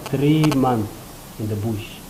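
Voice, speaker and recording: Man from South Sudan, halting first-person interpreter, echoey and noisy. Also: medium pitch. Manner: halting, many fillers and pauses, short phrases. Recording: roomy echo with ambient noise.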